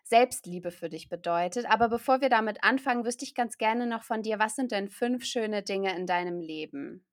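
A woman's voice: mid-range voice, normal speed, few pauses. A woman hosting a podcast interview, chatty and upbeat in a casual, talkative way. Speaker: podcast host.

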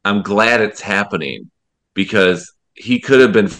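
A man's voice: lowish voice, lively intonation, unhurried, fairly bright tone. A man co-hosting a wrestling podcast, arguing his point emphatically. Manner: argumentative, making a point emphatically. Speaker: podcast co-host. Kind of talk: casual wrestling podcast chat.

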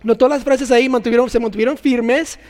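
Animated preacher, high voice, hall echo. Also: male voice, brisk. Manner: animated, acts out scenes with sound effects. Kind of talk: sermon.

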